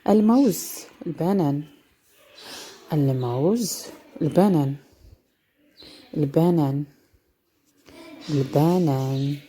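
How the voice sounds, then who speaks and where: A woman teaches vocabulary slowly, repeating each word several times. Her voice is low and mellow. A faint hiss of background noise sits under the recording. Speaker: dialect teacher. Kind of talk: slow vocabulary lesson with repetition.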